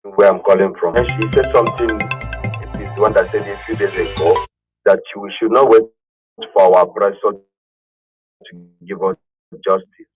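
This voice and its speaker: A man calling in to a radio show, speaking haltingly and searching for words. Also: lowish voice, steady tone, husky. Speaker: caller. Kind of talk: call-in radio speech. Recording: muffled call line with faint music.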